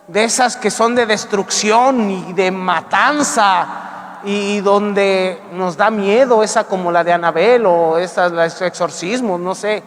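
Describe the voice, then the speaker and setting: A priest giving an emphatic Bible-teaching sermon, putting rhetorical questions to his congregation and slowing down to stress key words. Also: sits high, in a large hall. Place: church sanctuary.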